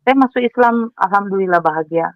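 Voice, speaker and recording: A woman telling her personal story with animated emotion, acting out what people said and repeating words as she goes. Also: mid-range voice, brisk, dry recording. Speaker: guest sharing her conversion story. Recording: dry, tinny phone-like sound.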